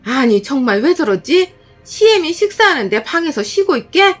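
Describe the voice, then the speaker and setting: A woman's voice: high-pitched, very animated, measured pace, fairly bright tone, voice pushed up, full character voice. A woman voicing a domineering middle-aged mother-in-law who scolds and screeches with contempt. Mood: shrieking.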